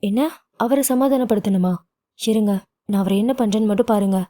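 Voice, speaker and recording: A woman's voice: a little high, level tone, moderate pace, warm tone, lightly acted. A woman voicing a loving, emotional young wife who pleads and argues with feeling. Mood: angry.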